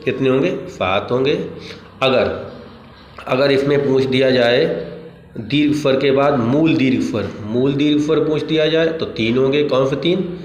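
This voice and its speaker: A man's voice: medium pitch, normal speed. A male teacher giving an exam-prep grammar lesson, asking questions and answering them himself. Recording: echoey room, dull lo-fi sound, faint background noise.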